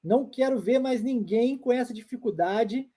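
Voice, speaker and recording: A woman's voice: on the high side, normal speed, mellow, breathy edge. A woman with a Brazilian Portuguese accent teaching an online pronunciation lesson. She repeats her examples and checks in often with her viewers. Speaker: English teacher.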